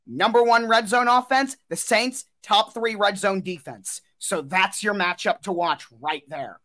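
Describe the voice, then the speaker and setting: A man co-hosting a casual sports podcast, eager and quick to quote stats and make bold takes. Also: high-pitched, sharp tone. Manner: eager, stat-quoting, builds up bold takes. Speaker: podcast co-host.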